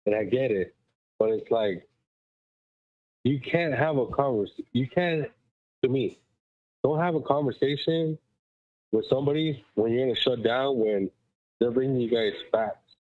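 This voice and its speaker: A man's voice: mid-range voice, unhurried, pauses often, dry recording. A man calling into a show on his phone while power walking, sounding muffled as if through a wall, rambling and emphatic with lots of fillers. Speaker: caller. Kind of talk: casual call-in chat. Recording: muffled, tinny, dry phone line.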